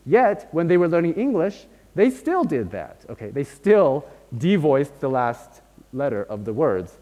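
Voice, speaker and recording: This university lecture comes from a male linguistics lecturer whose voice is a little high, mellow and very animated, though his pace is a little slow. He patiently explains and frequently checks in with students using "right?" and "okay?", under long hall reverb.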